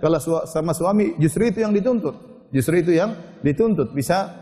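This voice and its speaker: A man's voice: fairly high pitch, lively intonation, dark tone. Earnest preacher man in echoing hall. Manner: earnest, addresses listeners directly, recites Arabic slowly. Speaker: Islamic preacher. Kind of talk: sermon.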